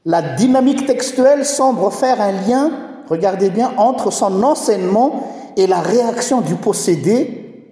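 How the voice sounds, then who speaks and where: A man's voice: high-pitched, lively intonation, a little slow, mellow. A man preaching a sermon, explaining scripture and addressing the congregation directly. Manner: teaching, rhetorical, addresses the congregation. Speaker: pastor. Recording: echoey hall with long reverb.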